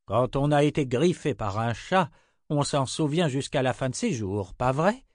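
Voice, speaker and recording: A man's voice: mid-range voice, lively intonation, moderate pace, no echo, close to an everyday voice. A man reading a fantasy audiobook voices an old male sorcerer who speaks with wry, knowing asides.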